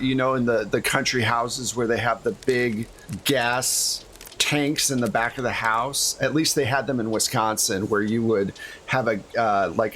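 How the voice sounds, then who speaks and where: A lowish, slightly bright male voice leads a tabletop role-playing game, the game master casually and conversationally laying out rules and scenes for an actual-play session. A little hiss or hum is audible.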